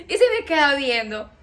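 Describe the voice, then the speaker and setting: A woman with a Mexican accent, casually telling viewers a personal story in a chatty, animated way, often checking in with them. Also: a little high. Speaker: vlogger.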